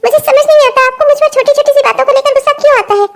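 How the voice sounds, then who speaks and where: A woman voicing a scheming, greedy young fiancée in a cartoon, sharp and scornful when she argues. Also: extremely high pitch, steady tone, very fast, creaky. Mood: aggrieved. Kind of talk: cartoon voice acting.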